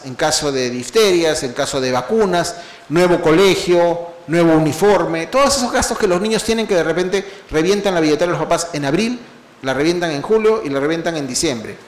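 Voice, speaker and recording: A man lectures at a legal seminar in a fairly high voice, piling up rhetorical questions and long spoken lists. His delivery is animated. The sound carries the echo of a roomy lecture hall. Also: normal speed. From Peru.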